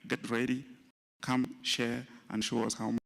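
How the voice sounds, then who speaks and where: A man giving a formal closing speech at a conference. He speaks in a measured, rallying way and repeats his key phrases. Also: mid-range voice, little pitch movement, gravelly, fairly bright tone. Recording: long reverb in a large hall.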